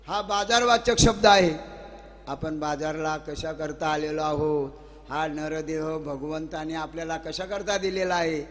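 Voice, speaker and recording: High-pitched guy giving a devotional sermon, tells stories and quizzes the crowd, big echoey hall. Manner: questions the audience, chants verses slowly. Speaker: devotional preacher. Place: gathering hall with a live audience. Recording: long reverb of a hall.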